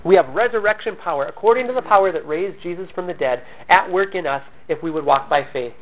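In this sermon, a pastor with a voice pitched high for a man poses questions to his congregation and then answers them, earnest and measured in tone. The recording is tinny, phone-like, with a noisy background.

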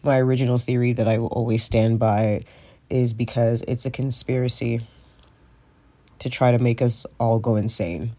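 A man with a stoned, stoner way of talking hosts a loose solo show. He rambles casually in an everyday mid-pitched voice and swears freely as he goes. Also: flat delivery, normal speed, warm tone. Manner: frequent swearing. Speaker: podcast host.

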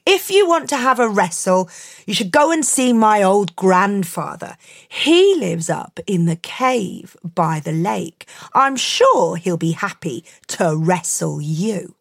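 A woman voicing Peter, a clever, crafty young man, in a calm, matter-of-fact way. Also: mid-range voice, slow pace, gravelly, dry recording, studio quality, exaggerated voice. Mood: impatient.

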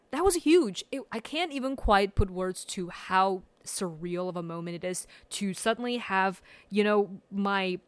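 A Taiwanese woman with a mid-range voice and no echo speaks as a guest on a relaxed conversational podcast. She comes across as reflective and thoughtful, with many fillers and restarts.

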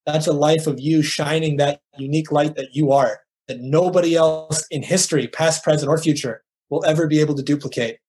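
This is a middle-aged man talking as a motivational life coach in an interview. He sounds earnest and emphatic, with a breathy, husky voice set a little high for a man. He keeps acting out back-and-forth exchanges to make his points. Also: fairly even intonation, a little fast, few pauses, a little mellow. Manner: earnest, emphatic, acts out dialogues.

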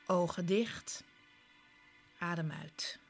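Female relaxation guide: low, hushed, breathy near-whisper, unhurried phrasing, calming music clearly underneath. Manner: slow, short instructions with pauses. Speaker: relaxation exercise instructor. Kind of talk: soft, soothing guided relaxation with breathy, part-whispered delivery.

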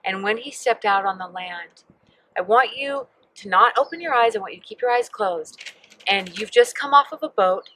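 A woman's voice: medium pitch, expressive, moderate pace, pushed and bright, poor audio. A woman leading a guided Bible meditation, reading scripture aloud and telling listeners to picture the scene, speaking vividly and emphatically. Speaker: Bible teacher.

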